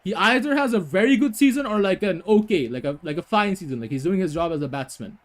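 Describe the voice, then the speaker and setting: A young man with a notably high voice talks through a cricket video game match in a loose, chatty way. He fills gaps with "you know" and "like" and breaks into laughter easily. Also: expressive, fast. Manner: chatty, laughs often, fillers. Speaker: commentator. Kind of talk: casual gaming cricket commentary.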